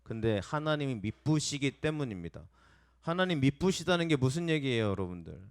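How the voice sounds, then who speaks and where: A man's voice: mid-range voice, very animated, brisk. A male pastor giving a sermon in a conversational tone. He keeps asking the congregation questions and acts out prayers and everyday remarks in other voices.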